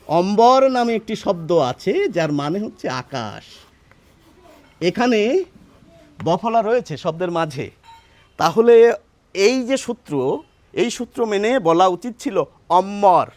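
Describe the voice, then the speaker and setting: A man's voice: sits high, animated, unhurried, pauses often, no echo. A man teaching a pronunciation lesson, patiently explaining and asking his listeners questions, then answering them himself.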